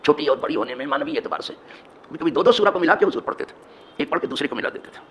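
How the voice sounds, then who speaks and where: A man's voice: on the high side, expressive, fairly bright tone, slight background noise. A man with an Indian Urdu accent teaching hadith as a mosque imam, telling a story with asides to his listeners and building to emphatic repetition.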